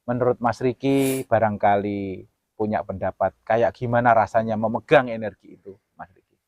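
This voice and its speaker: A man hosting a talk show, addressing viewers earnestly and solemnly, his voice swinging between loud emphasis and soft asides. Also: lowish voice, steady tone, moderate pace, no echo, dull audio. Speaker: host.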